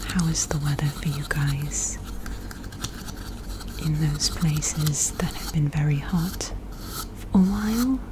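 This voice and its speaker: A woman whispers in a gentle ASMR style, close to the microphone. Her voice sits low and she takes her words very slowly. A clear, steady hum of air conditioning runs behind her. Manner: soft, gentle, unhurried whisper. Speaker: ASMR video host. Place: indoor room with air conditioner running. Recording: clear steady background noise. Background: air conditioner noise, tapping and clicking of handled objects.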